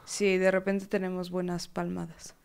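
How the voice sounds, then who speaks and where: A woman's voice: fairly low pitch, monotone, moderate pace, gravelly, a little mellow. A young woman with a Mexican accent, co-hosting a podcast in casual chat and laughing often as she talks. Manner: giggly, laughs often while talking. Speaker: podcast co-host.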